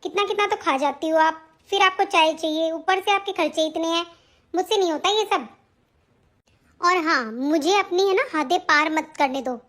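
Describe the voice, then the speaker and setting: A woman's voice: very high voice, moderate pace, fairly bright tone. A woman playing a stingy, harsh young daughter-in-law who scolds and threatens her mother-in-law. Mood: scolding. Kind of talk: hobby family-drama acting.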